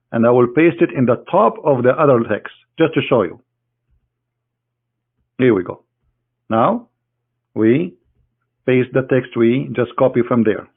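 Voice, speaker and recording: A mid-range man's voice comes through tinny, as over a phone. Scornful and sarcastic, this religious critic speaks directly to an opponent while mocking him in a screen-share demonstration.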